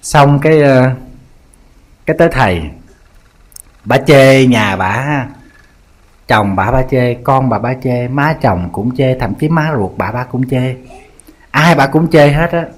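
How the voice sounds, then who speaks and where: Nhà sư giọng miền Nam kể chuyện dí dỏm. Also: male voice, medium pitch, slow, long pauses. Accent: Southern Vietnamese. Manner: lively, teasing, anecdotal. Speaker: Buddhist monk. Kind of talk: humorous sermon storytelling.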